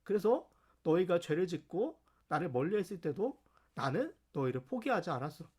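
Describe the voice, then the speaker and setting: A man speaking as God, a stern yet patient divine father who scolds his servant firmly. The voice drops lower and weighs each point, as in a church lesson. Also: sing-song, moderate pace, a little mellow, breathy edge, full character voice. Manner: firm, scolding.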